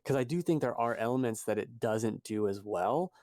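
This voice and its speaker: A man's voice: medium pitch, animated, moderate pace, a little mellow, dry recording, studio quality. A man co-hosting a podcast in casual chat, rambling and correcting himself as he goes. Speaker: podcast co-host.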